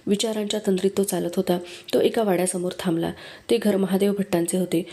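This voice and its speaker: Mellow-voiced woman reading a book aloud. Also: medium pitch, quick pace. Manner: steady storytelling narration. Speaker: book reader.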